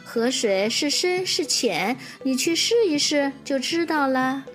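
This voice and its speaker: A woman voicing a wise, patient mother horse in a children's storybook, speaking gently. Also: extremely high pitch, a little slow, soft background music, pitched above the performer's own voice. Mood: gentle.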